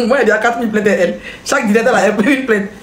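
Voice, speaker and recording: A woman's voice: fairly high pitch, steady tone, roomy sound, a little hiss or hum. A woman blogger, hosting a live stream and commenting in a mocking, laughing way. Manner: mocking, laughing, rapid back-and-forth with viewers.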